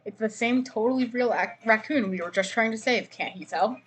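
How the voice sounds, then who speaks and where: Slightly high-voiced woman narrating a game. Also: a little fast, slight background noise. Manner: casual, stumbles over words. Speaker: player reading game narration aloud. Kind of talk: second-person comic narration, read aloud. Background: music.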